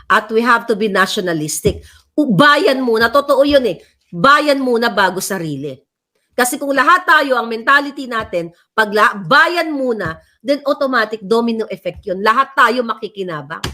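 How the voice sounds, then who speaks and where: Impassioned Filipino woman, fairly high voice. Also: expressive, normal speed, sharp tone. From Philippines. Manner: rambling, mixes English and Tagalog; impassioned, emphatic. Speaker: vlogger. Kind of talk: casual political commentary.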